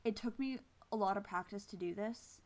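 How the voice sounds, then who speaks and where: In an informal instructional talk with demonstrations, a woman who plays flute and has missing teeth explains things hesitantly, in a casual, self-deprecating manner. Her voice is mid-range and moves at a moderate pace.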